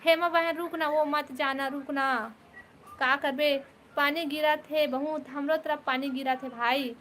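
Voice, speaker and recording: A woman with a Chhattisgarhi accent hosts a casual live stream, talking into her phone. She greets each viewer by name and keeps urging them not to leave. Her voice is high and bright, and she talks at a slow, easy pace. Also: steady tone, a little hiss or hum. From Chhattisgarh, India.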